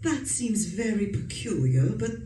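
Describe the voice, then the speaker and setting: In a radio suspense play, a woman plays an imperious society wife who nags and scolds with total self-assurance, sounding bossy, suspicious and haughty. Her mid-range voice is mellow, sing-song and a little slow. The mic is distant in an echoey room, and there's noise in the background.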